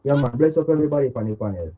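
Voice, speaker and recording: A man's voice: medium pitch, animated, rapid-fire. A Jamaican man calling in to a panel, his voice muffled as if heard through a wall, with loose, friendly greetings. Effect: muffled phone voice, as if through a wall. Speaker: caller. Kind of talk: casual call-in chat.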